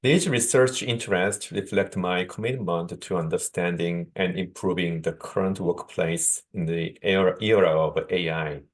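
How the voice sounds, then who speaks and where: A man from South Korea, a native Korean speaker with a Korean accent, giving a measured conference keynote over a video call with small restarts. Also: low-pitched. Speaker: guest speaker, associate professor.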